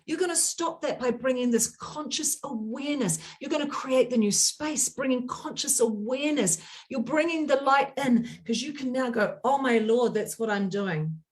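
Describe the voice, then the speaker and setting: A woman's voice: sits high, moderate pace. A middle-aged woman coaching on emotional eating, talking straight to the listener with passion and emphasis. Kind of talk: motivational talk to camera.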